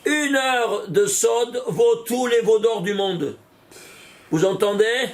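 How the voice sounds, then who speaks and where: A man teaching a Kabbalah study class, animated, repeating numbers out loud and exclaiming in wonder as he questions his students. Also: high voice, slow pace. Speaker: Torah teacher.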